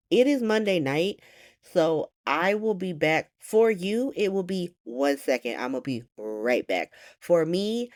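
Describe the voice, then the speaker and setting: A woman's voice: low voice, no echo. Tired thirtysomething woman rambling on a podcast, swears a lot, laughs, dry close sound. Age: 30s. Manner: animated, swears, laughs often, rambling asides. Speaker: podcast host. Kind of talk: casual chat recap.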